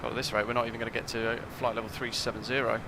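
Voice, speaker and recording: Gravelly man chatting on a stream. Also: medium pitch, level tone, racing, noisy background. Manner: chatty, thinking aloud with fillers. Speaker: flight sim streamer. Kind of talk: casual live-stream commentary.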